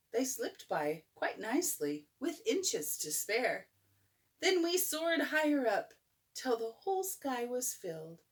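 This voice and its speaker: Older woman, bedtime story read-aloud, slow pace, very animated intonation, playful and child-directed. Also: medium pitch. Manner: expressive, playful, talking to a child listener. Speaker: grandmother reading a picture book.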